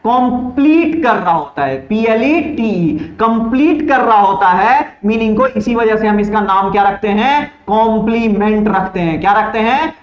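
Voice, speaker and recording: A high-pitched man teaching a grammar lesson. He asks a question, answers it himself and repeats every point. The sound is dull and lo-fi, with a roomy echo. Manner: call-and-response questioning, repeats each point. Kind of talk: Hindi-language grammar lecture. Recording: echoey, dull lo-fi room sound.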